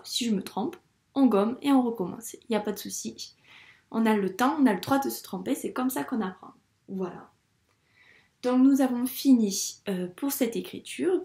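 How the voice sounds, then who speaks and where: A woman's voice: mid-range voice, a little mellow. A woman teaching a lesson for young children, patient and encouraging, spelling out each step. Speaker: primary school teacher. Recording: echoey room.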